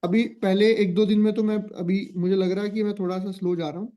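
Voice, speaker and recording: Picture a male coaching teacher with a high, mellow voice closing an online class over a video call. He speaks Indian-accented English between Hindi phrases, laying down strict rules and pushing his students to keep up. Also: flat delivery, fast talker. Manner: firm, strict and exhorting, with frequent "ठीक है?" check-ins.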